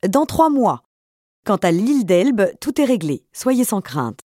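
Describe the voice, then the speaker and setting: A woman voicing a calm, discreet male shipowner who speaks reassuringly. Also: medium pitch, measured pace, no echo, studio quality.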